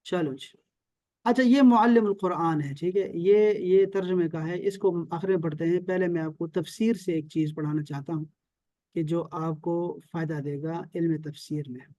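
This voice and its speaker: A man's voice: a little high, steady tone, mellow, no room sound. A man from Pakistan teaching an online Arabic and Quran lesson over a video call, repeating key terms and checking often that his students follow.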